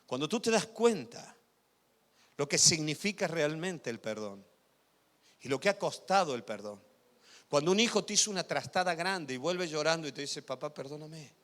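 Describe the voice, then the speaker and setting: Man, pastor, sermon, bright forceful voice, long church-hall reverb. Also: on the high side, sing-song, moderate pace. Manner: swings from loud emphatic preaching to quiet intimate asides; asks the congregation if they follow.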